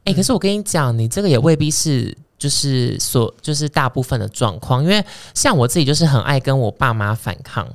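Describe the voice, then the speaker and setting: A man in his thirties hosts a casual podcast, spinning stories with quick, animated delivery. His pitch leaps around with lively swings, and his pace races ahead. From Kaohsiung, Taiwan. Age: 30s. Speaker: podcast host. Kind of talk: casual chat and storytelling.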